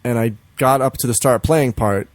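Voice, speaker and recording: A man co-hosting a podcast in casual chat, swearing freely, laughing often and jumping into high silly voices to mimic games. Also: normal speed, no echo. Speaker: podcast co-host.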